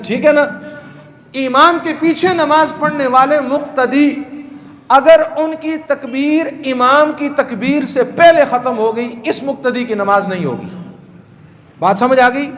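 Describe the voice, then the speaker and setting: A man from Pakistan who preaches at a mosque, teaching the rules of prayer to his congregation, often stopping to ask them questions and answer them himself, and chanting words slowly to demonstrate. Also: very high voice, fairly bright tone. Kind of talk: religious lesson to a congregation.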